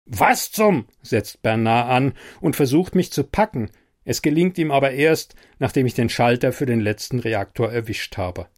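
A man's voice: medium pitch, normal speed, a little mellow. A man narrating a first-person horror story in a tense, dramatic reading.

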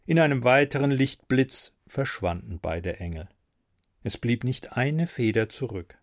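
Brief: male audiobook narrator, unhurried, wry and expressive, dry close mic, mid pitch. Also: no echo. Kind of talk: first-person fantasy audiobook narration.

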